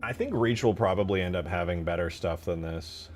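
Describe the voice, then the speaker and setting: Faint music plays behind this low, slightly mellow male voice, which moves a little fast. As a game modder streaming while he works, he thinks aloud in casual, slangy fragments, swearing now and then.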